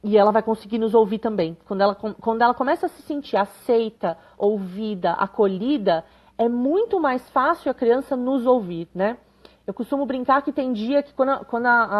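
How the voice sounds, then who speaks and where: This woman's fairly high, a little mellow voice leads a chatty live talk on parenting, where she works as an educator in her thirties. She often reads viewer comments aloud and checks in with her audience through tag questions.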